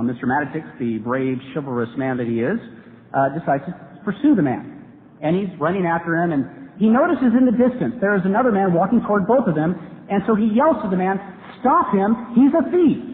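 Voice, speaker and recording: A man giving an earnest debate speech to a live audience in a large hall, building to emphatic points. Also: on the high side. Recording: tinny lo-fi hall recording with hiss.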